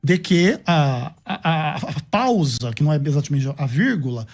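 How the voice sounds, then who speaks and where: A man's voice: fairly high pitch, expressive. A man with a Brazilian accent, laying out a formal rebuttal point by point in a debate. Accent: Brazilian Portuguese. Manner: measured, formal, builds his argument point by point. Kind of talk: theological debate.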